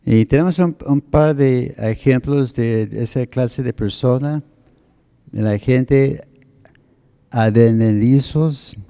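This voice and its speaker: A man preaching a sermon, explaining word meanings in a slow, deliberate teaching manner. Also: mid-range voice, mellow, clear, resonant tone.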